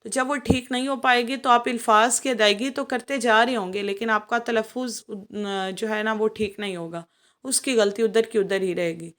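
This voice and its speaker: A woman teaching a recorded Quran lesson to children, patiently explaining and stretching syllables out slowly. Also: fairly high pitch, steady tone, fairly bright tone. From Pakistan.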